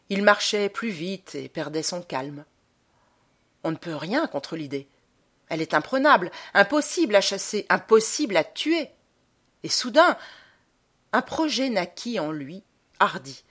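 A woman reading a short story aloud in an expressive, measured way. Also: medium pitch, husky. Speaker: reader. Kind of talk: audiobook narration of a short story.

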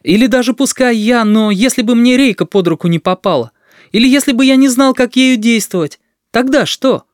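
Man doing a high, ringing schoolboy voice, earnest and outspoken, for a storybook reading. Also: big pitch swings, moderate pace, no echo, studio quality. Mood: indignant. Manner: eager, increasingly loud and ringing.

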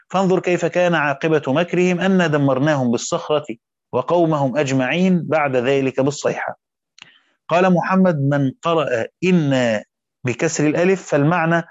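Dull lo-fi teacher reading. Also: male voice, a little high, no echo. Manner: reads quotes aloud, adds brief spoken asides. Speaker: Quran commentary teacher. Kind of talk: reading and explaining a classical commentary. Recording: dull dry lo-fi recording.

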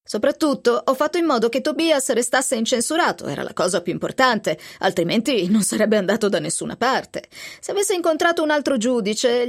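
A woman's voice: on the high side, pitched above the performer's own voice. A woman voicing an affable, self-satisfied older male judge in a radio novel reading. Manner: genial, self-assured.

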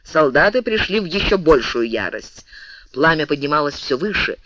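Male audiobook narrator, expressive, lively pitch, dull dry recording. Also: moderate pace, no echo. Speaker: audiobook reader.

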